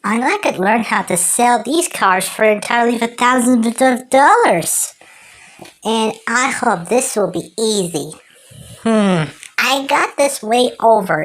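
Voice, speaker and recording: An amateur performer voicing a cocky, excitable cartoon woodpecker who rambles and exclaims to himself. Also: medium pitch. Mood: eager, then muttering. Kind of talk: amateur cartoon character impression.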